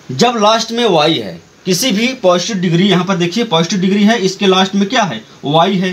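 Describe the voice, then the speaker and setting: A man teaching English grammar in a patient lecture, explaining step by step, repeating key points and asking the viewer questions. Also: high voice. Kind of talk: Hindi-language grammar lecture.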